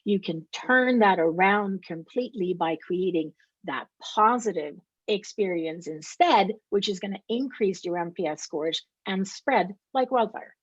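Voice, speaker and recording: In a conversational interview, a middle-aged co-founder from Sweden lays out her points emphatically, repeatedly checking in with "right?". She has an ordinary female pitch, lively intonation and a breathy edge, speaking a little slowly. The audio is dry and slightly dull, like a lo-fi call.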